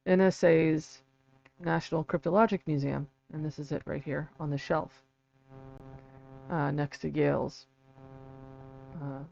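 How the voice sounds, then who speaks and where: A man with vocal fry giving a casual, halting livestream explanation, often checking in with a quick "right?" or "okay". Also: on the high side. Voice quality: vocal fry from an old vocal cord injury. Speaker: livestream host and researcher. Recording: dull lo-fi mic with faint hum.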